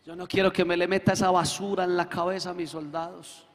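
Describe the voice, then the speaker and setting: Gravelly high-voiced preacher. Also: male voice, flat delivery, fast. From Colombia. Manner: acts out quoted dialogue, swells to shouting. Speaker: preacher giving testimony. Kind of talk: sermon testimony. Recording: echoey hall with long reverb.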